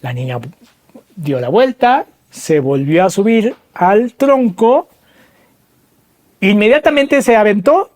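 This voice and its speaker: Here the podcast host talks slowly and animatedly, leaving long pauses, his voice a little mellow. He narrates a story, tosses rhetorical questions at his audience as he explains, and performs quoted voices through pitch jumps.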